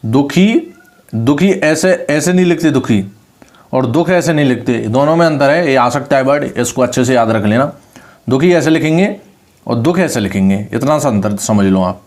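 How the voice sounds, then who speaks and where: Speaking at an ordinary mid pitch with a slightly mellow tone, this Rajasthani-accented man runs an online Hindi spelling class as an exam tutor. He moves at a moderate, animated pace, repeating every word and lifting his voice whenever he gives the right spelling.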